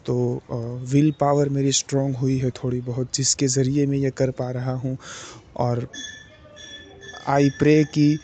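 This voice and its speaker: A young man talking slowly and deliberately in a personal diary vlog, pausing often with fillers. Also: medium pitch, monotone, mellow, a little hiss or hum. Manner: slow, deliberate, hesitant with many fillers. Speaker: vlogger.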